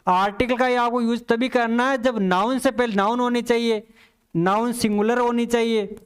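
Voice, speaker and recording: A man with a high, smooth voice teaches English for competitive exams, explaining answers step by step and repeating the key points for his students. He reads the English example sentences slowly and deliberately.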